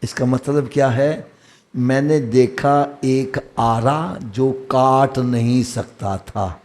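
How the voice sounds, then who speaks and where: A man with a Pakistani Punjabi accent preaching a sermon at a live religious gathering, moving from low explaining to high shouted exhortation. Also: steady tone.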